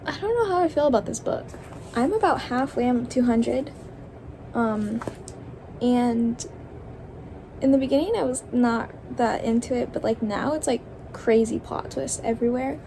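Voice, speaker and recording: A woman's voice: on the high side, normal speed, dark tone, slight background noise. A young woman casually vlogging about books, tired and chatty, with lots of filler words. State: tired, yawning. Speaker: book vlogger. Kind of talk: casual vlog to camera.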